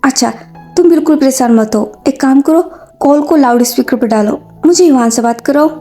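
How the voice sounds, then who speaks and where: Woman reading a soothing young dad, gentle and mellow, faint music under. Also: high voice, a little fast, lightly acted. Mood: calm soothing. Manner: calm, soothing, gently teasing. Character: calm, gentle young father soothing his family. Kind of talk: fanfiction storytelling.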